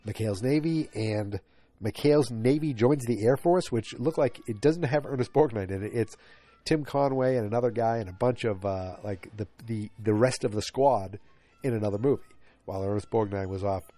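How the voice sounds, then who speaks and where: Late at night at home, a congested man in his forties rambles alone into his podcast mic, full of fillers, restarts and self-interruptions. His low, mellow, dark voice moves at normal speed with no room sound, and faint music plays beneath him.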